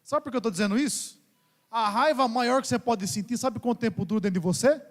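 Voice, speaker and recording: A Brazilian priest preaching a homily in a large church, his voice high for a man and trailing into a long reverb. He mixes humorous stories from home life with the message, often calling out to the congregation. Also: fast. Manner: humorous storytelling, addresses the congregation as "gente". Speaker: parish priest. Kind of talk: homily at Mass.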